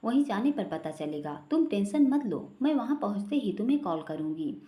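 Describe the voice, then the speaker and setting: A woman's voice: mid-range voice, very animated, moderate pace, lightly acted. A woman reading a sad young girlfriend. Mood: sad, reassuring. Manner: soft, sad, reassuring. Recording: roomy echo.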